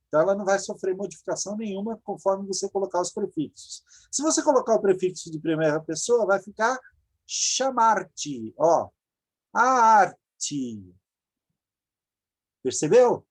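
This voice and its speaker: A mid-range, slightly rough female voice with a Brazilian Portuguese accent belongs to a Brazilian teacher running a Hebrew grammar class via video call. Patiently, she explains and repeats forms for her students in this online lecture.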